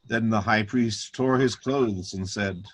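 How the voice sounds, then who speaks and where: A man's voice: lowish voice, slow pace. A man narrating a dramatic reading of scripture.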